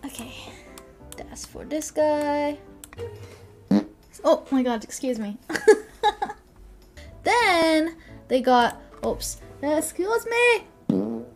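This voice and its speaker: A woman's voice: high voice, slow, long pauses, faint music behind. A young woman streaming live, chatting casually with her viewers, giggly, apologetic and rambling. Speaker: vtuber streamer.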